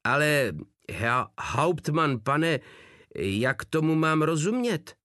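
A man's voice: on the high side, very animated, fairly bright tone, no room sound, studio quality, pitched above the performer's own voice. A man voicing a cheeky common soldier who answers his officer with mock politeness. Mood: mock-innocent.

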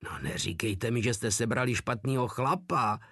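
A man's voice: medium pitch, a bit bright, breathy edge, dry recording, clean studio sound. A man voicing a tired, exasperated old male sergeant. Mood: weary.

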